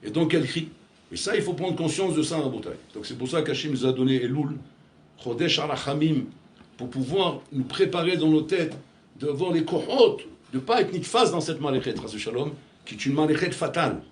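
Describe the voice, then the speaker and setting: A man's voice: fairly high pitch, animated, a little fast. A man giving an impassioned sermon as a rabbi, telling a story with many repeated phrases and direct calls to his listeners.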